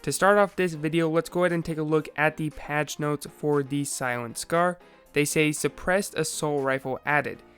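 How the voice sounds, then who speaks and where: Guy explaining game stuff step by step, voice kinda high, bit raspy from a sore throat but still clear, light music. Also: fairly even intonation, moderate pace, a bit bright. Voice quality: slightly raspy. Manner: explanatory, methodical. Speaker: video game explainer host. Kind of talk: scripted narration, game analysis.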